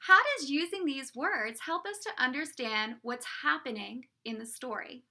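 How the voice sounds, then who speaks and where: A woman teacher reads a picture book aloud, asking the kids questions along the way. Her voice is high and bright, and she tells the story slowly and expressively.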